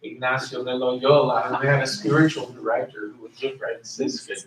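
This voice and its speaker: A man's voice: medium pitch, steady tone, moderate pace, reverberant, a little hiss or hum. A man teaching a class in a conversational way, asking his students questions and repeating key words, recorded in a classroom from far off. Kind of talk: classroom lecture.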